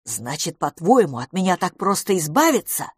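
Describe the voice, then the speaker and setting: A woman reads a jealous young suitor with a quick temper. He speaks in brusque, challenging bursts. The recording is dry and close, with a slightly low voice. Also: big pitch swings, breathy edge, dry recording, exaggerated voice. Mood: indignant.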